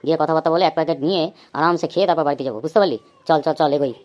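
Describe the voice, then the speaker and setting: Woman voicing a bossy cartoon boy, very fast, lowish voice, dismissive. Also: a little mellow, close to an everyday voice. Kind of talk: cartoon comedy voice acting.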